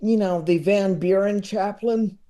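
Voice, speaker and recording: His voice high and mellow, a man in his thirties talks a little slowly as a comedy-expert guest on a podcast. The chat is casual, and he meanders and repeats words while collecting his thoughts.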